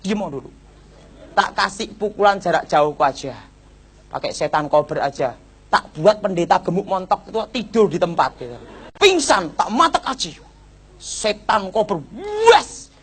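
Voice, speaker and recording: A man with a Javanese accent giving an animated church testimony, repeatedly addressing his listeners and acting out the people in his story. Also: high-pitched, normal speed, breathy edge. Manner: keeps addressing the audience as brothers and sisters; acts out dialogue with lively voice swings.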